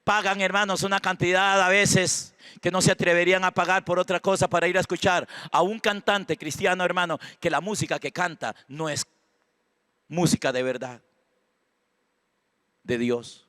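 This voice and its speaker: A man preaching a sermon with a Costa Rican accent, swinging from hushed prayer to loud exhortation. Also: high-pitched, fairly even intonation, moderate pace, clean tone, dry recording, studio quality. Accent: Costa Rican Spanish. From Costa Rica. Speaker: pastor. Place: church sanctuary.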